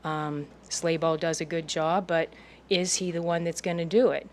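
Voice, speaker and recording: A woman's voice: low-pitched, steady tone, normal speed, a little hiss or hum. A woman giving informal public comment as a resident at a hearing.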